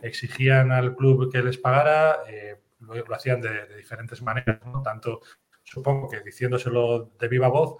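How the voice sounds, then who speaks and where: A male interviewer talks at an ordinary pitch in a loose, rambling way. He keeps checking in with short tag questions as he works through his thoughts. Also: fairly even intonation, moderate pace. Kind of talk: casual interview chat.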